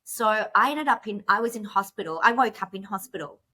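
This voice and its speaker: A woman's voice: medium pitch, expressive, brisk, pushed and bright. A woman who is a podcast guest, telling a personal story in a rush, with many fillers and restarts, and emotional at moments.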